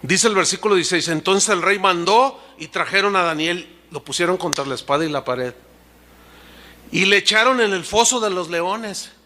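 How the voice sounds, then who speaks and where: A man pastor preaching a sermon, telling the story in an animated way and acting out the scenes. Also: sits high, normal speed.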